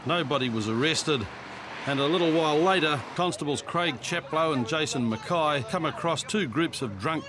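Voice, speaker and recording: New Zealand male narrator over street noise. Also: mid-range voice. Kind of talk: scripted reality TV narration. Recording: street and traffic noise behind.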